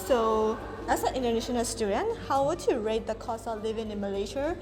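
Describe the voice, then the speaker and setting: A young woman student who narrates a research video and asks interview questions in a clear, formal delivery. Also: a little high, a little fast. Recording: loud background music.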